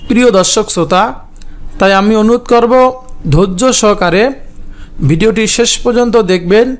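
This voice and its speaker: A man teaching viewers a prayer, addressing them earnestly and reciting it slowly, syllable by syllable, for them to repeat. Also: sits high. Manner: slow syllable-by-syllable recitation for learners. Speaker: Islamic religious teacher.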